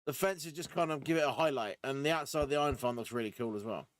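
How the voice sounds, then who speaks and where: A man's voice: mid-range voice, fast talker, dry recording. A man rambling casually over his gameplay, talking to himself and his teammates. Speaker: gaming streamer.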